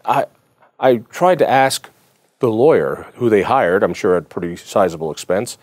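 A man's voice: on the low side, animated, normal speed, darkish tone, no room sound. A man hosting an interview, talking earnestly and personally, often restarting his sentences. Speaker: interview host. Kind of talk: interview conversation.

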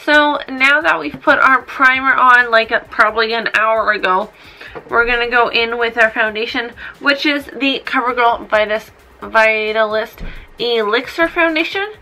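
A woman's voice: fairly high pitch, measured pace, pushed and bright, soft background music, low-quality recording. A woman in her twenties chatting through a casual makeup tutorial in a tipsy, rambling, blunt and sweary way. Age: 20s. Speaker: makeup vlogger. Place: small room indoors.

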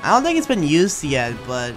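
Music plays behind a man improvising a friendly, awkward young demon slayer in a Minecraft anime roleplay. His fairly high voice swings hugely in pitch at a moderate pace, and his talk is hesitant, rambling and casual.

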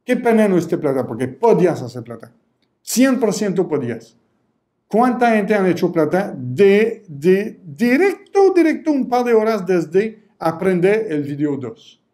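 A man's voice: high-pitched, big pitch swings, measured pace, dark tone. A man teaching an online sales course, repeating himself and acting out customer chats in little voices. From Canada. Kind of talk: energetic sales lesson.

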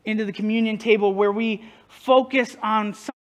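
A male pastor from the northern United States delivers a casual, conversational sermon, often poking fun at himself and putting questions to the congregation. His voice sits high, with fairly even intonation and a moderate pace.

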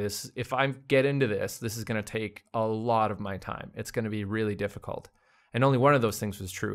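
A man's voice: on the low side, a bit bright. A man co-hosting a casual podcast conversation, thinking aloud with fillers and restarts. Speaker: podcast co-host.

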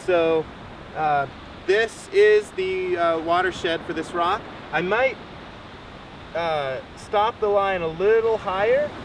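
A man in his thirties teaching outdoors on a beach, explaining step by step and encouraging his student. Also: sits high. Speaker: rainwater harvesting teacher. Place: sandy beach outdoors by the surf. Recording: distant outdoor mic with surf noise. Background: waves and wind.

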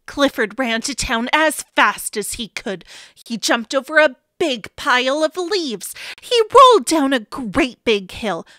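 Bright, animated woman reading a picture book. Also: high-pitched, measured pace, dry recording. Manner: expressive, playful storytelling; gently addresses young listeners. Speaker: children's book reader. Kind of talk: children's read-aloud narration.

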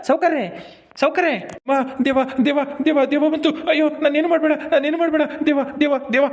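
A man playing a loyal, blunt village servant, calling out and scolding plainly in a rustic comedy skit. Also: extremely high pitch. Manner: calls out repeatedly, scolds and reassures plainly.

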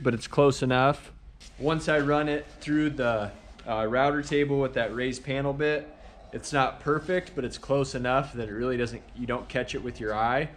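This vlog features a carpenter and channel host casually describing how he's repairing a barn, using plenty of fillers like "uh" and "kinda." His mid-range voice comes with slight background noise, and the footage spans an outdoor farmyard barn and a large indoor workshop.

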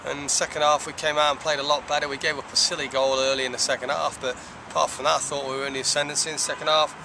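A man in his thirties, a soccer head coach, giving a measured, reflective postgame interview outdoors, with lots of "you know". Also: a little high, flat delivery, vocal fry. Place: outdoors by a stone wall. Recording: outdoor traffic noise.

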